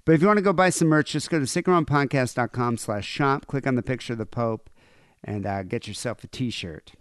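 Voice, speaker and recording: Male podcast host, smooth clear voice, dry close mic, easygoing and rambling. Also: mid-range voice, a little fast, dry recording. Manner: laid-back, rambling with fillers. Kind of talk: casual podcast chat.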